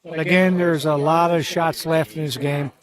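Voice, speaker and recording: A man's voice: a little high, fairly even intonation, moderate pace. A man giving expert analysis on a curling match in an easygoing, explanatory way. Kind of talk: sports commentary.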